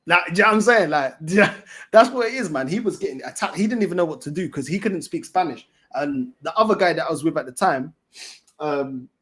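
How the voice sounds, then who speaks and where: Hosting a fan channel livestream, a man with a London accent chats casually in a fairly high, husky voice. His talk is slangy, repetitive and emphatic.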